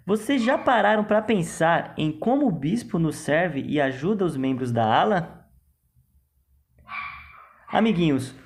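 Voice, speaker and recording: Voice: mid-range voice, a little mellow. Brazilian presenter teaching children from a script. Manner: didactic, addressing young listeners directly. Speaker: presenter of a children's religious lesson. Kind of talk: scripted educational narration for children.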